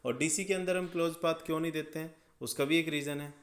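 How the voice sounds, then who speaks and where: A man's voice: a little high, steady tone, fast. A man explaining electrical circuits step by step as a tutor, checking often that the listener follows. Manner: step-by-step, checks understanding with "ठीक है". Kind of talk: explaining circuits at a drawing board.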